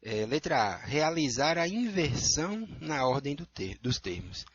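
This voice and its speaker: A man's voice: medium pitch, sing-song, unhurried, husky, muffled recording. A man with a Brazilian Portuguese accent, a teacher going through worksheet answers and checking in with his students often. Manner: explanatory, checks in with frequent "tá?" and "né?".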